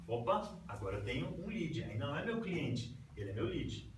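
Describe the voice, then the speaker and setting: A man's voice: medium pitch, very animated, brisk. A Brazilian man presents to a group, explaining step by step and often checking in with "tá?". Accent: Brazilian Portuguese. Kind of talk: informal talk with slides. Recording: echoey room, far mic, noisy.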